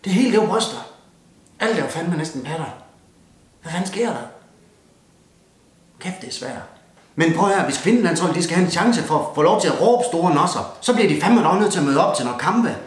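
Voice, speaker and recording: A man's voice: high voice, expressive, long pauses. Rowdy swearing Jutlandic man, roomy echo. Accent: Jutlandic Danish. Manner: swears constantly, blunt and rowdy, toasts with a beer. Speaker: comedian doing a mock New Year's speech. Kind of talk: crude comic rant.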